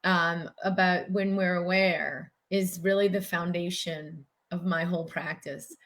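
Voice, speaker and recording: A woman's voice: fairly low pitch, fairly even intonation, a little slow, fairly bright tone. A middle-aged woman from the United States, a doctor talking earnestly in an interview and using many filler words. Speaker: doctor and guest. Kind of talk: conversational interview.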